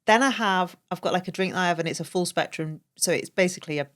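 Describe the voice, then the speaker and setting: A woman in her forties with a northern English accent, chatting as a podcast guest in a lively, animated way. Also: lowish voice, fast talker. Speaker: guest, colour therapist. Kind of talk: casual podcast chat.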